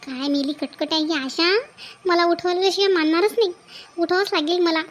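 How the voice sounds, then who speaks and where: A woman's voice: extremely high pitch, steady tone, moderate pace. Woman playing a whiny, grumbling sister-in-law. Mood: complaining. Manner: whiny, complaining, exclaims often. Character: grumbling village sister-in-law, reluctant to work. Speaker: sister-in-law in a family skit. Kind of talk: comedy sketch acting.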